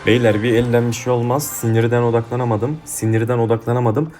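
Young male gamer, mid-pitched, profane heated trash talk over gameplay, faint game music. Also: steady tone, fast. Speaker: gaming YouTuber. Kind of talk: live mobile game commentary.

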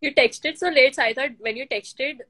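A woman's voice: high-pitched, moderate pace, crowd noise. A woman in her twenties with an Indian accent chats casually and teasingly as she hosts a live video call. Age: 20s. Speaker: host of a live video chat reading questions. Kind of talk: casual chat. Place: indoors at home. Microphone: video call on a phone or laptop.

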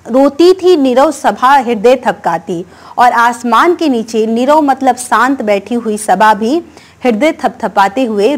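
A woman with a high-pitched voice teaches a class poem. She reads a line of verse aloud, then steadily unpacks its words and meaning in plain explanation.

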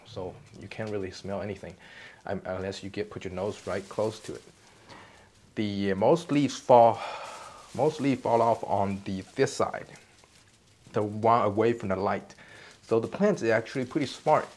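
A man hosting a casual tour of his basement greenhouse, explaining plants in a relaxed, rambling way full of restarts and fillers. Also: mid-range voice. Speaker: gardening channel host. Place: indoor basement greenhouse under grow lights.

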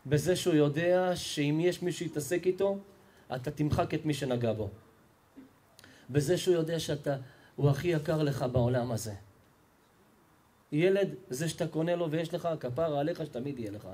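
High-pitched man, a rabbi preaching a lesson, forceful, asks listeners questions. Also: pauses often, husky. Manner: emphatic, animated storytelling preacher; addresses listeners directly with questions. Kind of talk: Torah lesson to a live audience.

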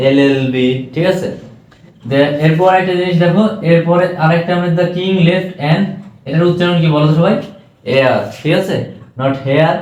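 A man with a Bangladeshi Bengali accent giving an exam-prep English lecture, often checking whether students have understood. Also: a little high. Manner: keeps asking students if they understood. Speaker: English teacher. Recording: echoey room.

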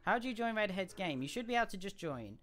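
A young man commenting live on a game he is playing, chatting with viewers and breaking into loud cheers and yelps. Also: high-pitched, very animated, quick pace, over music. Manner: chatty, answers viewers' questions. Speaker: gaming streamer.

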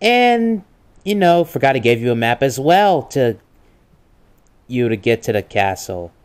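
A man's voice: mid-range voice, sing-song, unhurried, clear, resonant tone. A man acts out a mischievous young liar in an amateur comedy dub. The voice swings up and down constantly, coy and teasing, dragging words out in mock innocence. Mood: playful. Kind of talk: amateur comedic fan dub role-play.

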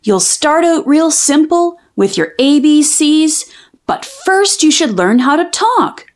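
A woman whose voice sits high reads a kids' picture book at a slow pace, stretching out its rhyming lines. Her manner is expressive, like a sing-song storyteller.

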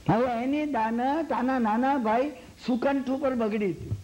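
A man's voice: very high voice, unhurried, slight background noise. A man giving a Jain sermon in a Gujarati accent. He tells a long story, acts out the characters' lines and keeps asking his listeners if they follow. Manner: lively storytelling, acts out quoted lines, asks the hall "samjya ne?". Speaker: Jain lecturer.

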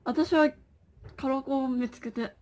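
A young woman chatting casually with viewers as a livestream host, playful and animated, often exclaiming as she reacts. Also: high voice, measured pace. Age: young adult. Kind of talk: casual chat with viewers during a makeup stream. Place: small indoor room.

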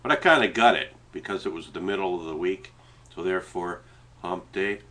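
Male, middle-aged, low-pitched, Canadian Maritime accent, nasally congested; halting, informal home-webcam rambling. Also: pushed and bright. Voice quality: congested, stuffed-up nasal sound. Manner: rambling, hesitant, sometimes talking while eating. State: stuffy, runny nose. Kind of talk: casual chat to webcam. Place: small indoor room at home. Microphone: webcam setup at desk distance.

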